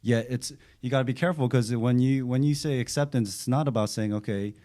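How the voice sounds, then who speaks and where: A man around thirty from Los Angeles, a podcast guest talking in a halting, thoughtful way with many fillers. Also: mid-range voice, fairly even intonation, mellow. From Los Angeles, United States. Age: 30s. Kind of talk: casual podcast chat. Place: studio.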